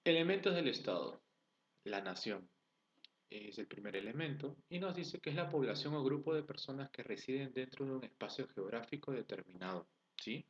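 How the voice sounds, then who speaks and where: A man's voice: mid-range voice, animated, normal speed. A man with a Peruvian accent teaching a class, explaining step by step, asking rhetorical questions and checking in with his students. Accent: Peruvian Spanish. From Peru. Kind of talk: recorded online class lecture. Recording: dull lo-fi recording.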